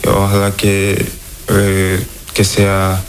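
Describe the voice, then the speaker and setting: Hesitant man from Senegal, slow. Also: sits low, monotone. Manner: hesitant, halting non-native Spanish. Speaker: interviewee. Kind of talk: street interview.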